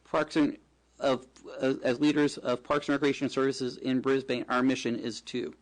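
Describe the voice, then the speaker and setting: A man on a city parks commission, reading a draft mission statement aloud slowly at a meeting. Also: mid-range voice, flat delivery, low-quality recording. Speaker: commission member. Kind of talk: committee discussion.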